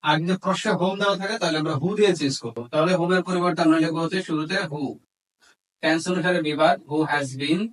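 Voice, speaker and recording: A Bangladeshi-accented man teaches fast, his voice a little high and fairly bright, with fairly even intonation. Step by step he dictates the material in pieces, switching between Bengali and English terms. The audio is poor.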